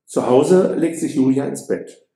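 Slow, mellow male storyteller. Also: mid-range voice, expressive, roomy sound. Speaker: narrator. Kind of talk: audiobook storytelling.

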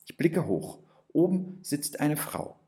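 A man calmly reading a first-person story aloud, gentle and unhurried, with a few lifted exclamations. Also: on the high side. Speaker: narrator.

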